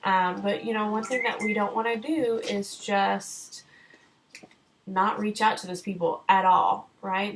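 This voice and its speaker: A woman's voice: medium pitch, slight background noise, low-quality recording. Chatty woman giving encouraging advice. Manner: chatty, encouraging, rambling with fillers and restarts. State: short of breath. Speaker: direct sales consultant. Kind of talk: casual vlog advice.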